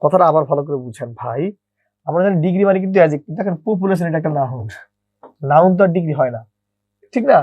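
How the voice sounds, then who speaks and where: A man's voice: a little high, animated, very fast, pauses often, no echo, narrow, tinny audio. A man teaching an English grammar lesson, often repeating his own questions and answering them. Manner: repeats questions and answers them himself, calls listeners brother.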